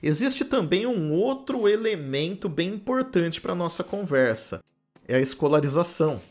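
A man's voice: high voice, animated, moderate pace, darkish tone, faint music behind. A man from the interior of São Paulo with a Campinas accent and retroflex caipira R, a linguistics professor explaining ideas in a podcast lecture recorded in his home office, often adding "né?" tags. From Campinas, interior of São Paulo state, Brazil.

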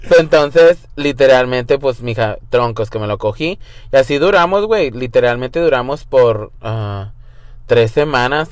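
A man's voice: medium pitch, lively intonation, measured pace. Campy young man telling a crude story. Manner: camp, crude slang, mixes English and Spanish. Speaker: guest storyteller. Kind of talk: casual storytelling.

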